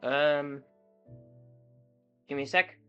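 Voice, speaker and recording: A man giving casual, laid-back commentary while playing a game, with excited bursts. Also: fairly high pitch, slow pace, clear, resonant tone, dull audio, soft background music. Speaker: gaming streamer.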